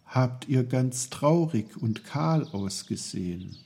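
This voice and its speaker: A man's voice: medium pitch, animated, takes it slowly, creaky, a little mellow, husky, exaggerated voice. A man voicing Peter, a curious young boy who asks eager questions. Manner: eager, wondering.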